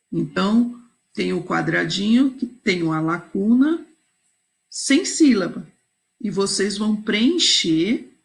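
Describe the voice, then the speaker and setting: A woman teacher talks students through a set of exercises in a video lesson, taking her time and pausing often to check they are following. Her pitch rises and falls a lot, and her voice has a slight gravelly edge. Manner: slow, patient, checks in with "ok?" and "certo?".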